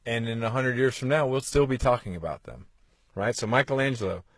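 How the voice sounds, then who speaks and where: Here a forties-aged podcast host with a mid-range voice talks briskly, urging his listeners forward through earnest rhetorical questions on his motivational show. The recording itself is dry.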